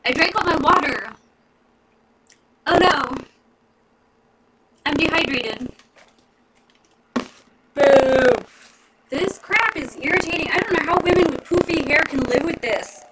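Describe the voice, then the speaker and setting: A vlogger in her thirties speaks in a high voice, slowly and with frequent pauses, far from the mic amid heavy background noise. She chats casually and rambles with viewers on a live stream from home, street traffic outside, laughing often.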